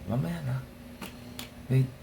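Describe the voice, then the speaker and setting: Young man, blunt sardonic rant, profane, muttered asides, mid-pitched voice, faint room noise. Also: takes it slowly, creaky. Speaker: vlogger. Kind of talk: casual ranting monologue.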